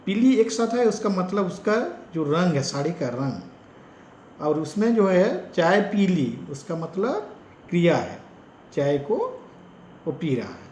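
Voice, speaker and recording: A man who trains teachers gives a slow lecture in Hindi with an Odia-influenced accent and repeats example sentences with stress. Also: high-pitched, sing-song, darkish tone, roomy sound, slight background noise. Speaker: teacher educator.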